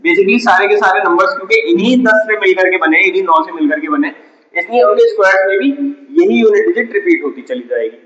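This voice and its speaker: A man's voice: sits high, lively intonation, quick pace, fairly bright tone. Man teaching math in an echoey room. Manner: explains step by step, asks and answers his own questions. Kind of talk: classroom math lesson. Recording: echoey room, dull lo-fi sound.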